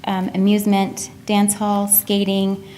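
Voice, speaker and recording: A woman presents a formal staff report in a meeting room. Her mid-range voice stays very even as she reads. There is faint noise in the background. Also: medium pitch, a little slow.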